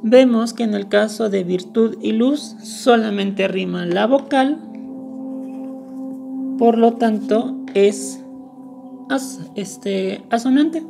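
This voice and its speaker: A woman teaches a lesson at an unhurried pace, going through each point in turn. Her voice is low-toned and mellow, with a gravelly edge, and she often repeats the key word to make it stick. Soft music plays faintly behind her. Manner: explains step by step, repeating key words. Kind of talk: screen-recorded lesson.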